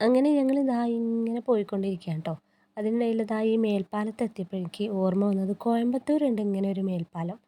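A woman narrates a casual travel vlog while riding on a bus. Her voice is very dark and mellow, and a cold has left it stuffy and congested. She chats in a friendly, homely way, tacking small asides onto her sentences. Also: mid-range voice, quick pace. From north Kerala. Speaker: travel vlogger.

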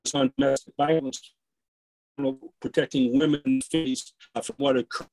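A man addresses a meeting from home over a video call, and the connection keeps breaking up, stretching and dropping his words. The sound is dry and close. He is not very loud, and he talks in a halting way with many fillers and restarts. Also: mid-range voice, big pitch swings, creaky, dry recording, low-quality recording. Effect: video call audio breaking up and dropping out. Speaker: district attorney speaking to a political committee. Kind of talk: campaign update speech. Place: at home, indoors. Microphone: phone or laptop on a video call.

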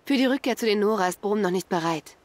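A woman voicing a calm, persuasive young female hunter in a video game dub, speaking steadily and reassuringly. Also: mid-range voice, quick pace, no echo, natural voice.

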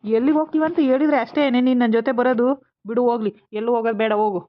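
A woman playing a curt young husband and son who brushes people off with quick, brusque retorts, for an amateur family skit. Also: a little high, fairly even intonation, natural voice. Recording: slightly dull lo-fi sound.

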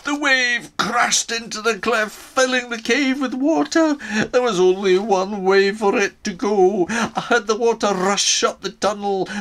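A man's voice: sits high, measured pace, pitched above the performer's own voice. A man doing a crafty Scottish islander. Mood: sly. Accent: put-on Scottish. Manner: lively, sly first-person storytelling. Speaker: storyteller. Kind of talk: storytime reading in character.

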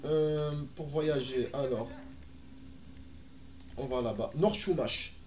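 Speaking slowly in a mid-range, slightly mellow voice, this young native Dutch speaker from Antwerp streams a game and chatters with viewers, replying to chat amid frequent fillers and restarts. The recording, made in a room at home, sounds roomy and carries a little hiss or hum.

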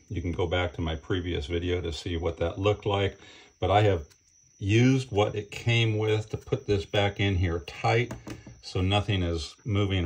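Low, husky-voiced older man reviewing gear. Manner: relaxed, plain-spoken, with fillers. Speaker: channel host reviewing batteries. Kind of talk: casual hands-on product review. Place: indoor workbench.

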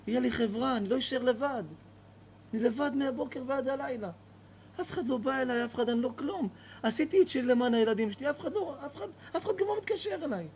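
Man playing a lonely old man, tearful and pleading, rising high and breaking. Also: fairly even intonation, long pauses, dark tone, slight background noise, lightly acted.

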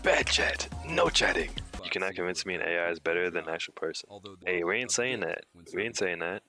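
A young man live streaming, chatting casually to his viewers, excitable and slangy, breaking into shouts and laughter. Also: deep voice, fast talker, faint music behind. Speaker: livestreamer. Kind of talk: casual live stream chat reacting to clips.

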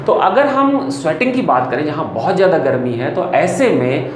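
A man's voice: a little high, big pitch swings, normal speed. Man, thirties, explanatory advice talk, roomy echo, faint background hiss. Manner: explanatory, gestures a lot with his hands. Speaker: psychologist giving advice. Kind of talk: casual advice talk to camera. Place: small clinic room indoors. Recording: echoey room with faint ambient noise.

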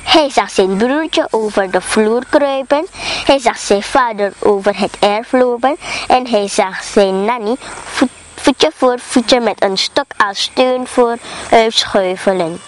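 Slow, careful woman reading a story. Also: fairly high pitch, slight background noise. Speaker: storybook reader. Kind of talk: reading a children's story aloud.

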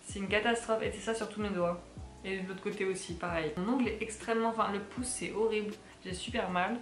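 A woman's voice: mid-range voice, fairly even intonation, fairly quick, reverberant, faint music behind. A young woman from France chatting casually to camera in her apartment, rambling with lots of fillers. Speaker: vlogger. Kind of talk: casual vlog chat. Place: apartment, indoors.

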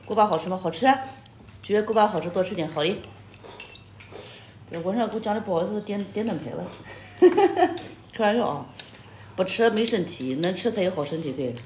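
A woman's voice: medium pitch, fairly quick, long pauses, a little mellow. A woman hosting a livestream as she eats, chatting casually and teasing her viewers with frequent laughs. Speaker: livestream host. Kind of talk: casual chat while eating on a livestream. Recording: echoey room with faint noise and clattering dishes.

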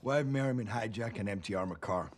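Low-voiced menacing tough cop, played by a man. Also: natural voice. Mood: sardonic. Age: middle-aged. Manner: tough-cop intimidation, profane, sardonic, drawn-out taunting questions. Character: menacing tough cop, crooked, taunting gang-like squad leader. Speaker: actor in a crime film. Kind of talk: naturalistic film interrogation acting. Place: indoors, lamp-lit hotel suite.

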